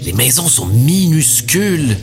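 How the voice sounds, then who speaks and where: A man voicing an excitable, gluttonous, scheming delivery courier in an animated comedy, with a hesitant, melodramatic way of talking. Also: fairly high pitch, unhurried, background noise. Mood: chatty, bemused. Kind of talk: scripted animated comedy, narration and dialogue.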